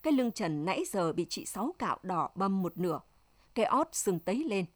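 Female storyteller, middle pitch, dry close recording, reads all roles herself. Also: big pitch swings, a little fast, dry recording. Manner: reads every character's lines in her own voice. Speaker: narrator. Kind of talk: audiobook story narration.

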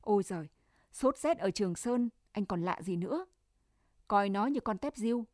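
Woman reading caring young male soldier, plain reassuring talk, mellow tone, dry close sound. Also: medium pitch, expressive, moderate pace, no echo, lightly acted.

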